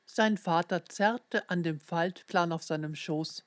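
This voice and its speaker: Woman narrator for a kids' story, lowish voice, clear and even. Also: slow pace. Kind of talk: children's story reading.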